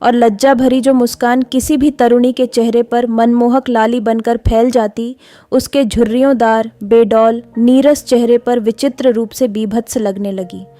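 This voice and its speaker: A woman reading a classic short story aloud in a steady storytelling manner. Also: fairly high pitch, unhurried, no echo. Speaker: narrator.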